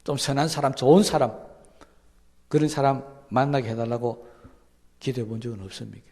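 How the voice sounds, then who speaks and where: A man preaching a sermon as pastor, swinging from loud emphatic peaks to soft low asides and asking the congregation many rhetorical questions. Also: a little fast. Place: church sanctuary. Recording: long church hall reverb.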